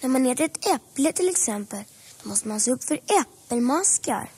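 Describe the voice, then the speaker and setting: An actor voicing an earnest young jungle boy in a dubbed audio drama, explaining things in a breathy voice. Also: very high voice, lively intonation, a little mellow, exaggerated voice.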